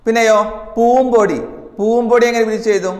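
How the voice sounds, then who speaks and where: A man teaching an exam prep grammar lesson, repeating each answer slowly and calling his students children. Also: very high-pitched, fairly even intonation, darkish tone. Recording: echoey room with long reverb.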